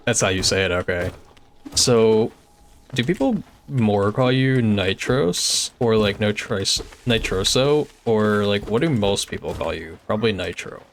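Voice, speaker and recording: Young male game streamer, relaxed chat with viewers, slightly low voice, faint hiss behind. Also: unhurried. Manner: chatty and easygoing, many filler "like"s. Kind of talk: casual gameplay commentary, reading chat.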